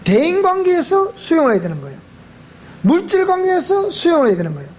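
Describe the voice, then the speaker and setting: Lively Gyeongsang pastor preaching. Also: male voice, very high-pitched, fast, a little hiss or hum. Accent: Gyeongsang Korean. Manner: animated, repeats phrases, asks the congregation questions. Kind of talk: sermon. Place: church.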